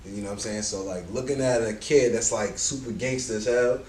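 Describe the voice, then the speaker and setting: A man's voice: medium pitch, a little fast, a little mellow. A man who teaches middle school, talking casually on a podcast in a laid-back, rambling way and swearing freely. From New York. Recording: roomy, distant mic with faint noise.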